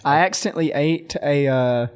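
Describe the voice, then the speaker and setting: A young male co-host on a college radio morning show, his voice a bit higher than most men's. He talks in a loose, easygoing way, dropping in "like" and "indeed". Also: moderate pace, clean tone. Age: young adult. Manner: relaxed, leans on "like" and "indeed". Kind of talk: casual morning radio chat.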